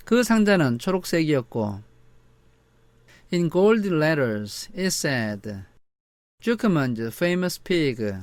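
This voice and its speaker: A man with a Korean accent teaching English, reading a novel aloud very slowly and then translating each line. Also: on the high side, dry recording.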